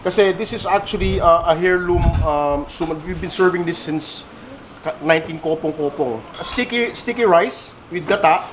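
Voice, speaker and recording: A man from the Philippines calmly explaining the traditions of his family's house, dropping Tagalog words into his English. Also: a little high, moderate pace, distant mic, a crowd in the background. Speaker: heritage house owner. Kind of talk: casual explanatory chat. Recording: echoey room with noise.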